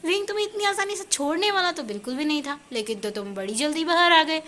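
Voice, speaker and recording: A woman's voice: high-pitched, lively intonation, fast, pushed and bright, pitched above the performer's own voice. A woman doing a teasing, smug young man.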